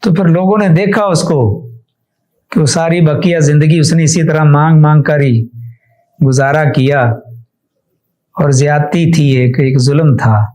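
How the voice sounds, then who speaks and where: Male scholar, fairly high voice, emphatic lecturing style with lots of repetition. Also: fairly even intonation, darkish tone, low-quality recording. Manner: emphatic, repeats phrases for stress; recites Arabic phrases slowly. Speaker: Islamic scholar teaching hadith. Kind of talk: religious lecture.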